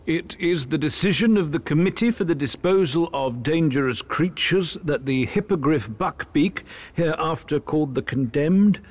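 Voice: mid-range voice, expressive, moderate pace, a little mellow, close to an everyday voice. A reader voicing a middle-aged official who hesitantly reads out a formal notice in an audiobook. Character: fussy official minister, middle-aged man.

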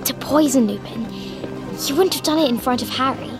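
A narrator voicing an anxious, clever schoolgirl speaking in a hushed voice. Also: very high voice, fairly quick, music in the background, pitched above the performer's own voice. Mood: nervous. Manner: hushed, nervous.

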